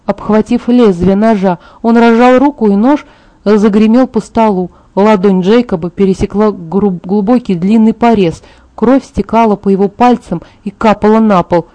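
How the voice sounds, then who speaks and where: Woman reader for first-person fiction; steady, warm, medium pitch. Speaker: audiobook reader. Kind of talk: first-person novel narration.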